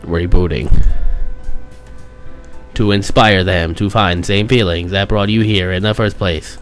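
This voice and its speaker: Low voiced guy reading game lines real slow, goofing around, faint music. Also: steady tone, fairly bright tone. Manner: playful, ad-libs and goofy voices. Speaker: let's play host. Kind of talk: reading game dialogue aloud with jokes.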